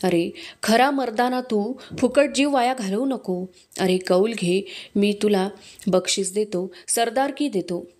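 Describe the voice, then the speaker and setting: A woman reading aloud, voicing a boastful enemy general who calls out to a foe in a loud, drawn-out way. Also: medium pitch, natural voice. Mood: tempting.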